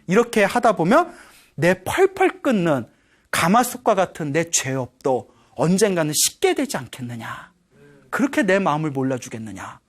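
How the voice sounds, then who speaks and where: A woman voicing a wise, remorseful ancient king in a Buddhist sermon story, speaking slowly and gravely. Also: fairly low pitch, wildly swooping pitch. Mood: solemn. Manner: slow, grave, measured.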